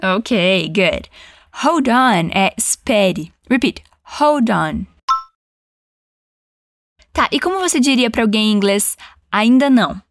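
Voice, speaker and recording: A woman teaching an English lesson, giving encouraging prompts and modelling phrases slowly for the listener to repeat. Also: mid-range voice, very animated, no echo, studio quality.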